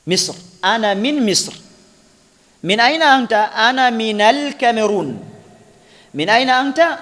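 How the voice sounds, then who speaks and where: A man's voice: high-pitched, a bit bright, long reverb tail. A man teaching an Arabic lesson to a class, patiently repeating examples and quizzing his students. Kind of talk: classroom lesson explaining grammar.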